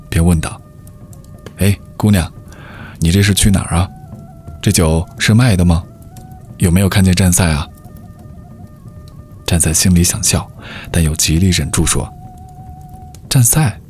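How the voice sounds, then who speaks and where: Deep-voiced man narrating a folk tale. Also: a little mellow. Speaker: storyteller. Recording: faint background music.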